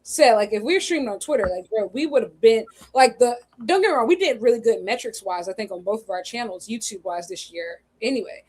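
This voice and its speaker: This is a woman in her twenties co-hosting a laid-back charity stream. Her voice sits well above the usual range, and she talks in an animated, slangy way with laughter never far off. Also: a little high, fast talker, hardly any pauses. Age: 20s. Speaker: co-host. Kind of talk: casual charity stream chat.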